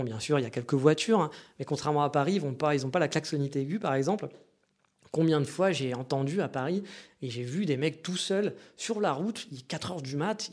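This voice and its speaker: A man's voice: fairly high pitch, breathy edge. A man hosting a casual monologue, chatty and meandering, with frequent asides to his listeners. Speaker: podcast host.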